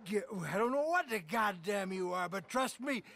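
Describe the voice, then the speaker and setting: An actor playing a drunk, boastful old gunslinger in a video game who blusters, curses and wallows. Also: male voice, high voice, expressive, normal speed, gravelly, a bit bright, heavily acted. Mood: belligerent. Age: older. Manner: slurring, blustering, cursing, self-pitying.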